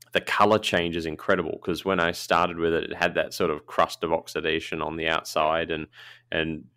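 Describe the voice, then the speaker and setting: A man's voice: deep voice, a bit bright, clean tone, no room sound. A man hosting a podcast, chatting casually with frequent laughs and filler words. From Australia. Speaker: podcast host, knifemaker.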